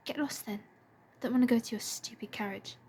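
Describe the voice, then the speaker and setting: A woman voicing a guarded, awkward young boy who talks in flat, curt replies in a storybook reading. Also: on the high side, fairly quick, slightly rough. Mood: sullen.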